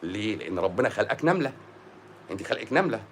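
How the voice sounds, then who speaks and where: A man's voice: fairly low pitch, very animated, fast, a bit bright, slight background noise. A man with an Egyptian accent, a doctor giving a blunt, scolding monologue on a live stream and mixing English words into his speech.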